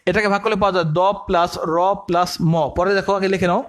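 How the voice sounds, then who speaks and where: A man's voice: high-pitched, level tone, rapid-fire, a bit bright. A man teaching an admission coaching lecture, dictating notes and asking the class questions he answers himself. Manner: asks the class questions and answers them himself, repeats key terms; uses everyday comparisons to explain.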